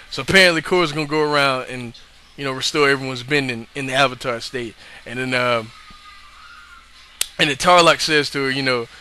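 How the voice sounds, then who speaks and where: A man's voice: medium pitch, pushed and bright, a little hiss or hum. A man casually recapping an episode in a rambling, slangy way, swearing freely and often asking "you know what I mean?". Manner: profane, slangy. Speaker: show reviewer.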